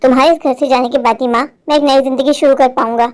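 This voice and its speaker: A woman's voice: sits high, steady tone, quick pace, darkish tone, close to an everyday voice. A woman voicing a young husband caught between his mother and wife in a cartoon, speaking in a pleading, resentful way. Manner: pleading, then firm and resentful. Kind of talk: animated Hindi cartoon voice acting.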